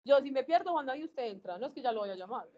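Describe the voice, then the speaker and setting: A woman's voice: high voice, animated, fast, warm tone, highs cut off. A woman, earnestly sharing a faith testimony to a group. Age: 40s. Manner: earnest, emphatic, acts out dialogue. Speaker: speaker giving a faith testimony.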